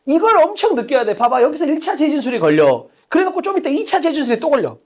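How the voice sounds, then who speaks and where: Woman exam tutor, slightly high and very animated pitch, blunt and emphatic, constant rhetorical questions at the board. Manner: emphatic, quizzing students with rapid rhetorical questions; blunt and colloquial, repeating key points. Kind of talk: lecture at a whiteboard.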